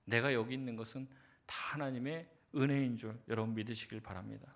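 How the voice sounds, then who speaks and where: A man's voice: medium pitch, steady tone, quick pace, vocal fry. A male pastor giving a sermon in a conversational way, asking rhetorical questions and acting out quoted voices.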